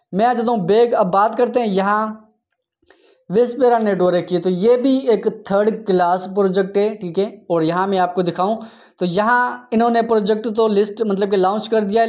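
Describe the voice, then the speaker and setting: A man hosting a crypto app channel, narrating over a screen share in an exasperated, scolding tone, often tagging his sentences with a quick "okay". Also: high voice, darkish tone, dull audio. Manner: exasperated, scolding, tags lines with 'theek hai'. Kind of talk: screen-share commentary rant.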